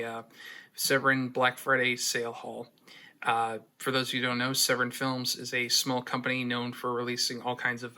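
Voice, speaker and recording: A man's voice: medium pitch, sharp tone. A man hosting his own unboxing video, chatting casually with lots of fillers and dry, sarcastic asides.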